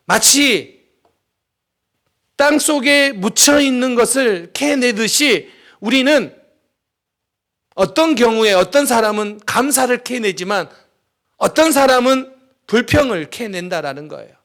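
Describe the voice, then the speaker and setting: A middle-aged man preaching a sermon as pastor, telling stories with dramatic pauses and emphasis. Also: extremely high pitch, expressive, a bit bright.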